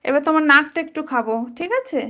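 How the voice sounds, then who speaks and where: A woman's voice: high voice, expressive, fast talker, bright, forceful tone, dull audio. A woman talking playfully to her pet dog, coaxing it with short repeated commands. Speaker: dog owner.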